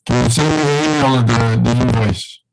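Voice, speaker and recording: A man giving a treasurer's report at a meeting over a crackly, breaking-up call line, in short, halting remarks. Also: medium pitch, fairly even intonation, creaky, soft background music. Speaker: association treasurer.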